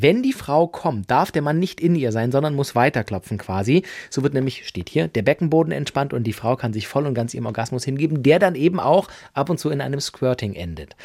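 A man co-hosting a casual podcast about sex, explaining and joking in an animated way. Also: mid-range voice, no room sound, clean studio sound. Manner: animated, jokey, reads out explanations. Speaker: podcast co-host.

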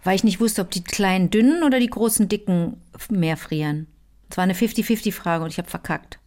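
A woman's voice: mid-range voice, a little fast, darkish tone. A woman co-hosting a casual chat, often laughing and poking fun at herself. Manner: laughs often, self-deprecating. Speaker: podcast co-host.

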